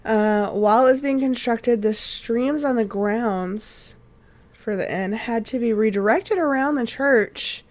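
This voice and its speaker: A woman with a fairly high voice tells a story on a casual podcast. She reads from her notes in a chatty way, and her sentences are broken up by fillers like "uh" and "um". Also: measured pace. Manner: reads notes with frequent "uh" and "um", easily sidetracked into laughter. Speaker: podcast co-host.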